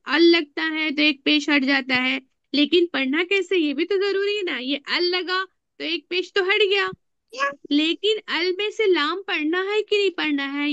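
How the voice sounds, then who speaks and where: A high-pitched woman leads an Arabic grammar lesson, stopping often to ask her students questions and repeating key terms slowly. The recording is dry and a little dull. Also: a bit bright, no room sound. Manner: asks the class frequent check questions, repeats key words slowly. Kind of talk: classroom lesson explaining rules with questions to students.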